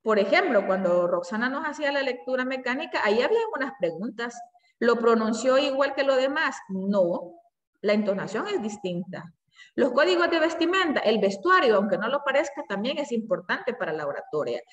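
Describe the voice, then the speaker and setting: A woman teacher lectures a class, posing questions and answering them herself, sometimes stopping to correct a word. Her voice sits a little high and reaches the mic from across the room. The room is echoey, with a long reverb trailing her words. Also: very animated, normal speed, far from the mic, lo-fi sound. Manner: explains step by step, asks and answers her own questions; self-corrects with fillers.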